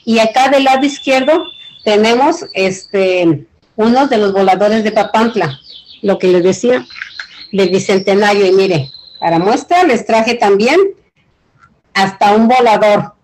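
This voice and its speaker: A woman's voice: mid-range voice, a little slow, a little mellow, poor audio. A middle-aged or older woman with a Mexican accent giving an informal cultural presentation in an earnest, rambling, colloquial way. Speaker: invited community leader.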